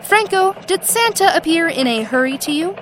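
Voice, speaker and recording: A woman's voice: very high-pitched, expressive, normal speed, fairly bright tone, a little hiss or hum, poor audio. A woman playing an earnest Christmas elf news reporter, delivering a scripted radio report. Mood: earnest, upbeat.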